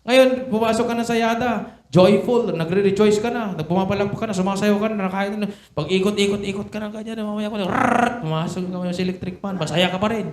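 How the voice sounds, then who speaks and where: A man preaches a sermon that mixes Tagalog and English, and his voice sits high for a man. He keeps turning to the congregation with rhetorical questions. The recording is echoey, as if captured in a church sanctuary. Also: fairly even intonation, a little fast, few pauses, a little hiss or hum.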